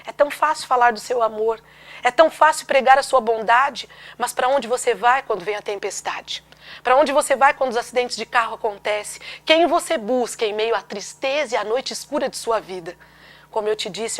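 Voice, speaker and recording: Brief: Brazilian Portuguese-accented woman, fairly high voice, emphatic church testimony storyteller. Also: brisk. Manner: emphatic, dramatic storytelling with rhetorical questions. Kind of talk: preached personal testimony.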